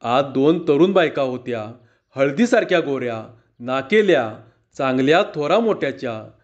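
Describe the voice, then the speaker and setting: A man narrating a rural story in a dramatic, measured storytelling manner. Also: medium pitch, expressive. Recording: dull lo-fi recording.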